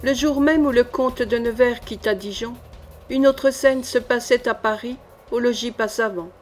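A woman narrating a classic swashbuckling novel in a measured, expressive reading voice. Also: a little high, soft background music. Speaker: audiobook reader.

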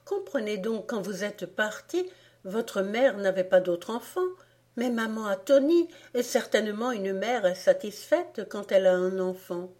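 A woman reading aloud voices a frightened young girl who pleads in high, tearful cries. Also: expressive, a little slow, darkish tone, natural voice. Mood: horrified.

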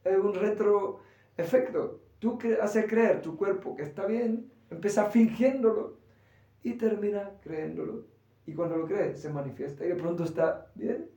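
A man from giving an animated spiritual class in a temple hall, acting out voices as he speaks. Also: high-pitched. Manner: animated, acts out voices, quick asides. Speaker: spiritual teacher. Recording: echoey room, voice far from the mic.

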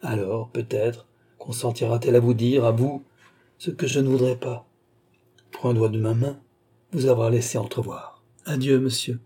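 A man voicing a calm, grave doctor. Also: mid-range voice, breathy edge. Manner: calm, measured, gentle. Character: grave, composed male doctor.

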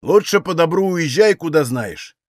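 A man reading aloud, voicing a stern, lame old Cossack father who speaks loudly and firmly. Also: a little high, expressive, normal speed, no echo, studio quality, lightly acted. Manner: loud, firm, commanding.

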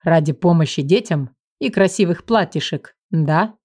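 A woman voicing a teasing, affectionate young male sorcerer who speaks low and lazily. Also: expressive, measured pace, a little mellow, husky, no echo. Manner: wry, affectionate, low and lazy.

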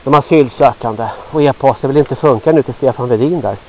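An older Swedish man rambles on to himself as he trudges through the woods, gruff and chatty, a bit winded and sweaty. His voice sits at an ordinary middle pitch. The handheld outdoor recording sounds dull and lo-fi. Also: slight background noise. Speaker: vlogger. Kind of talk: rambling walk-and-talk monologue. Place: outdoors in a forest.

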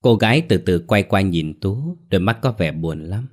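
A man narrating a ghost story audiobook in a steady, measured way. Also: deep voice.

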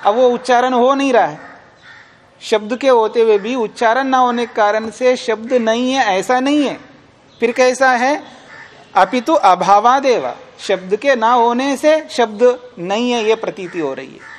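A man with a very high voice teaches a class on classical philosophy, and there's slight background noise. He reads Sanskrit slowly, gives plain explanations, and asks the class questions that he goes on to answer himself.

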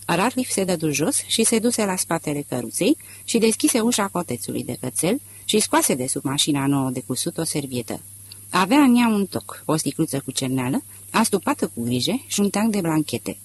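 A man reading a literary audiobook aloud in a measured, expressive narration. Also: on the high side, slight background noise. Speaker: audiobook reader.

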